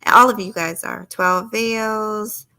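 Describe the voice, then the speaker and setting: A woman's voice: mid-range voice, steady tone, takes it slowly, bright, forceful tone. A middle-aged woman hosting a casual late-night livestream. She talks straight to her viewers, reads their comments aloud and gives firm opinions. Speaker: livestream host.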